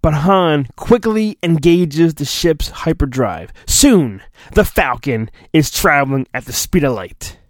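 With a slightly high, animated voice and a slow pace, a podcast host gives a theatrical, mock-dramatic storybook reading peppered with rambling sarcastic comments. The audio is clean studio sound without echo.

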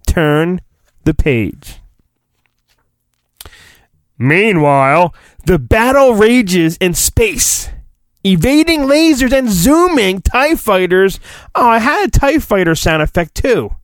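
Reading a children's storybook in mock-dramatic style, this podcast host uses a high, sing-song voice. He goes slowly and pauses often, and the audio has no room sound. His theatrical delivery is punctuated by joking asides laced with juvenile innuendo.

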